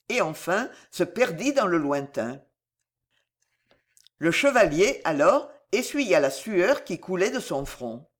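A narrator reading a historical adventure novel aloud with dramatic expression. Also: medium pitch. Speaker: audiobook narrator.

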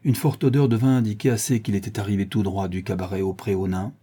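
Dark, husky male audiobook narrator. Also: on the low side, fast talker. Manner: calm, even storytelling.

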